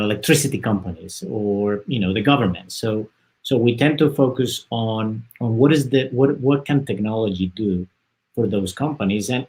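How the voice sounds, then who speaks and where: A technology executive from southern Spain, whose first language is Spanish, joins a panel video call as a guest in conversational panel talk. His fairly low voice flows fluently, though he often restarts and fills pauses while explaining. The recording is rough.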